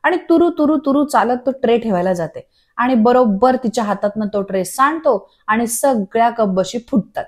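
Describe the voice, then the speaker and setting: A woman narrating a TV serial episode recap in lively storytelling. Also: fairly high pitch, normal speed. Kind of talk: scripted narration.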